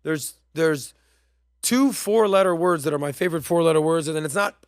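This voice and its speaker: A podcast host comments on played clips in a casual, emphatic, slangy way. His voice is fairly high and he talks a little fast. The recording is dry and of studio quality.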